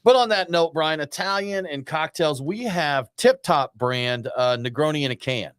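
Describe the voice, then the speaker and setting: A man's voice: fairly high pitch, expressive, moderate pace, clear, resonant tone, no echo. A man from Georgia co-hosting a casual podcast chat, telling stories and teasing his co-host. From Georgia, USA. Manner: chatty storyteller, teasing.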